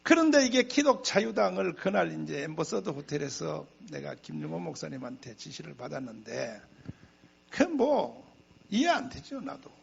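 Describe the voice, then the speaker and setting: A male pastor preaching with a gravelly, deeply husky voice that rides high and swings widely in pitch. He drives his points home by repeating phrases and slips in chuckling asides. The recording sounds dull and lo-fi. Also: moderate pace. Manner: emphatic, repeats phrases for effect; animated storytelling with chuckling asides. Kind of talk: sermon to a congregation.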